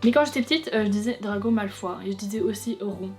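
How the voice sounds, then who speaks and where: A young woman chatting casually as a vlogger, reviewing figurines in a frank, teasing way that is quick to complain. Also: medium pitch. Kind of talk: casual chatty unboxing commentary. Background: faint background music.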